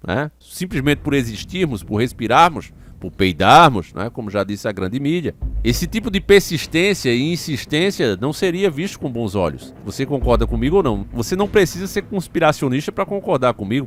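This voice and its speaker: A man's voice: mid-range voice, very animated, a little fast, hardly any pauses, a little hiss or hum. A man hosting a channel, giving opinionated commentary on news stories, reading excerpts aloud and answering them with rhetorical questions. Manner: addresses listeners as "meus irmãos".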